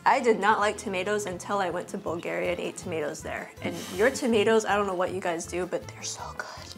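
A woman's voice: lowish voice, fast talker, creaky, faint music behind. A woman co-hosting a casual food-tasting vlog, chatty and upbeat with a lot of filler words. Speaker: vlog co-host.

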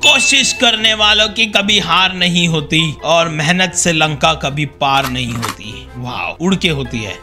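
A young man, playfully joking and shouting while commenting on a game. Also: fairly high pitch, unhurried, hardly any pauses. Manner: excitable, joking, shouts and laughs often. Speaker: gamer. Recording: background game music.

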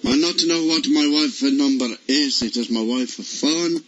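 A man's voice: mid-range voice, unhurried, a crowd in the background, close to an everyday voice. A man voicing Mario, a confused middle-aged man who rambles in broken grammar and pleads for help on a phone call. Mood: pleading. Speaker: prank caller.

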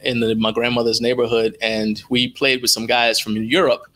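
Speaking from an indoor room at home on a video call headset, a middle-aged American interview guest who produces live streams shares colloquial, casual stories. He has a mid-range, fairly bright voice with a flat delivery and moderate pace.

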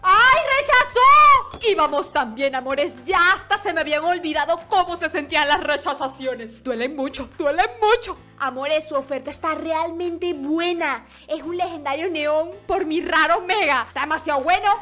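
A young woman hosting a gaming video, commenting excitedly and exclaiming as she keeps addressing her viewers fondly. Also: sits high, normal speed, hardly any pauses. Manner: animated, exclamatory, keeps calling viewers "mis amores". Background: faint background music.

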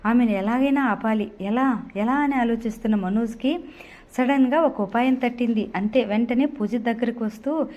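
A woman reading an audio novel aloud with steady expression. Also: fairly high pitch, moderate pace. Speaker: storyteller.

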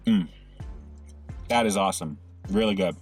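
A man's voice: low-pitched, normal speed, faint music behind. Man talking with his mouth full. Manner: enthusiastic, chatty. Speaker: food reviewer, channel host. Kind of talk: casual food review vlog. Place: in a car.

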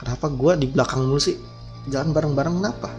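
A man giving excitable, chatty commentary while playing a horror game. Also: mid-range voice, rapid-fire, soft background music. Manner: excitable, chatty, reading lines aloud. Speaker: gaming streamer. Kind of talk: casual gameplay commentary.

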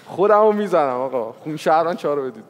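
Male player, high voice, forceful and familiar, reverberant studio. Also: animated. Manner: emphatic, affectionate yet combative. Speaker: game show contestant. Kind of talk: heated argument in a party game.

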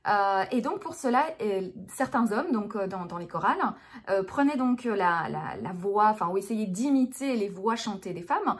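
A woman's voice: mid-range voice, animated, normal speed. A woman speech therapist giving an explanatory lesson on voice, hesitant, with many fillers and restarts.

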